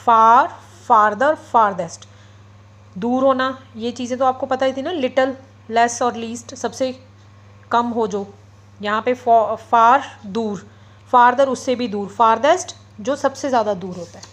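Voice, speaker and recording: A woman's voice: fairly high pitch, a little slow, rough recording. A woman teacher giving a lecture, explaining step by step and mixing English terms into Hindi. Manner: explains step by step, often checks with "ठीक है" and "okay". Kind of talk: classroom lecture.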